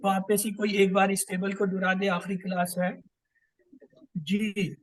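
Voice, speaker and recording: A man's voice: high-pitched, little pitch movement, dry recording. A man teaching a class, patiently explaining and repeating lists of words. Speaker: Quran grammar teacher. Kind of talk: online class lesson.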